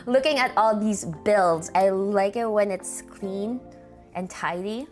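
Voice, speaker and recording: A woman with a Filipino accent hosts casual commentary while looking over viewers' gaming setups, chatty and upbeat and thinking aloud. Her mid-range voice is slow with a darkish tone, over soft background music.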